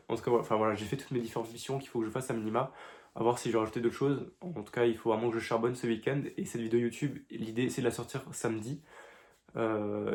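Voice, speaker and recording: Holding his phone toward himself, a young adult man with a head cold chats casually in a rambling vlog diary. His medium-pitched voice is a little mellow and congested. Fillers and restarts come often.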